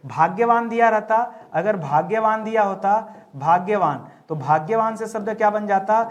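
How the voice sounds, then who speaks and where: A male teacher giving an exam-prep grammar lesson, who keeps repeating his questions back to the viewers and slows down to spell out key words. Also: sits high, dull audio.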